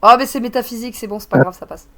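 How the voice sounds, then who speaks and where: A chatty, animated woman talks casually with a friend, often laughing. Her voice sits a little high. A noisy crowd murmurs clearly behind her. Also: racing. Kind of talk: casual chat.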